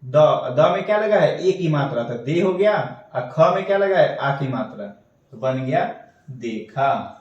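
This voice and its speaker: A man teaching an online steno class, slowly spelling out letters and signs one by one. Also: fairly high pitch, expressive. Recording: echoey dull room audio, mic far off.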